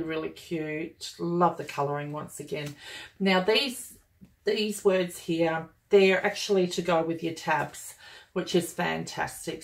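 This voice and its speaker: A woman's voice: low-pitched, gravelly. A woman talking casually and enthusiastically as she unboxes and reviews a planner kit, gushing over each item. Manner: gushing and enthusiastic, chatty with fillers.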